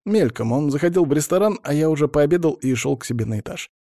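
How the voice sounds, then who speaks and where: Casting: jittery young techie guy, high whiny protests, mellow dry reading voice, put on by a male narrator. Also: lively intonation, quick pace, dry recording. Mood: defensive. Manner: whiny, flaring up, nervous protests. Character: jittery young male sysadmin, touchy and defensive.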